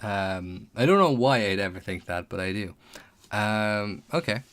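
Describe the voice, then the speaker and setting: A man's voice: fairly low pitch, animated, unhurried, a bit bright. A man chatting casually on a live stream while building a tabletop game character, thinking aloud over names and details and answering viewers. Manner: chats back to viewers' comments.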